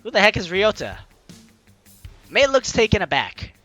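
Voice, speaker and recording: A man with a high-pitched, bright voice and huge pitch swings hosts a gaming video at normal speed, faint music playing behind. In let's play fashion, he reads the game's narration aloud and drops in jokey asides.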